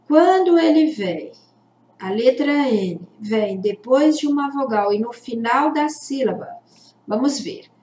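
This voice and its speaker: A woman teacher giving a children's literacy lesson, drawing out syllables slowly and deliberately. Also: fairly high pitch, expressive, darkish tone. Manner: slow, deliberate, stretches out syllables for young learners. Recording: echoey room.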